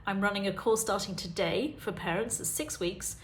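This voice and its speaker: A dyslexia specialist talks straight to the viewer in a teaching video, explaining spelling and reading. Her medium-pitched voice is expressive and moderately paced.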